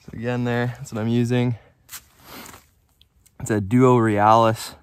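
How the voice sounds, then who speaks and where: A man's voice: mid-range voice, little pitch movement, measured pace, background noise. A young man chatting casually outdoors on a frozen lake, explaining his fishing with easygoing enthusiasm to a nearby camera. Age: young adult. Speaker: fishing vlogger. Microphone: camera on the ice nearby.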